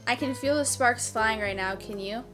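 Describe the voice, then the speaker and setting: A woman's voice: on the high side, normal speed, fairly bright tone, faint music behind. A young woman in her twenties, chatting and laughing in a teasing, bubbly way from her bedroom. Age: 20s. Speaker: vlogger. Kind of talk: casual chat and video-chat banter.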